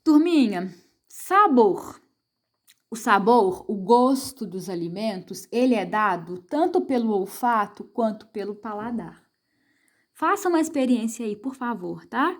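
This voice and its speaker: A middle-aged Brazilian woman with a Brazilian Portuguese accent teaches children a science lesson, her fairly high voice lively in intonation and measured in pace. She's chatty, often tossing tag questions to the viewer and answering her own questions.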